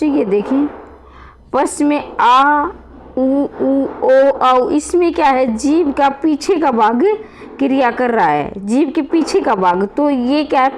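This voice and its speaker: A woman's voice: high voice, animated, moderate pace, darkish tone, slight background noise. A woman teaching grammar to students in a classroom-style lesson, calling them children, repeating points and asking rhetorical questions.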